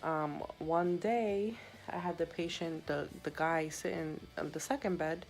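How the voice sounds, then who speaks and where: A young woman with a low-pitched voice tells a sad work story in a casual vlog. She talks in a subdued way, with lots of fillers, into her phone. Faint music plays behind her. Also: fairly even intonation, measured pace, low-quality recording. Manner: chatty, filler-heavy, subdued. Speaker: hospital patient sitter.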